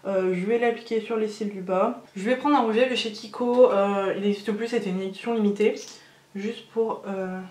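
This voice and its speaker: Speaking at a moderate pace in a steady, slightly mellow mid-range voice, a beauty vlogger walks through a makeup tutorial. She gushes over every product, hesitating and using plenty of fillers, in a reverberant recording.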